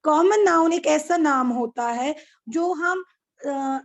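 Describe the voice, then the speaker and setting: A woman's voice: high-pitched, slow. A woman with an Indian accent teaching an online class over a video call, patient and repeating things, asking her pupils checking questions.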